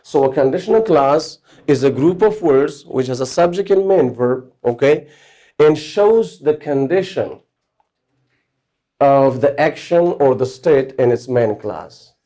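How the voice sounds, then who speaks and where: A man's voice: mid-range voice, expressive, unhurried, mellow. A man teaching English grammar to a class of students. He explains step by step and keeps checking whether they understand.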